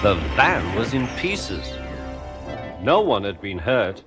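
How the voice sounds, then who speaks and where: Slow, measured male storybook narrator. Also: lowish voice, sing-song. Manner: measured, acts out the characters' lines. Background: music.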